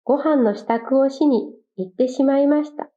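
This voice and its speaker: Storybook narrator, woman, gentle and clear, fairly high voice, muffled lo-fi sound. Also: normal speed. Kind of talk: children's fable narration. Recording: dull lo-fi recording.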